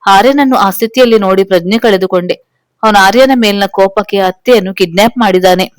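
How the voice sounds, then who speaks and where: A woman narrating a family drama story in a steady, plain storytelling manner. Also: medium pitch, brisk, dry recording.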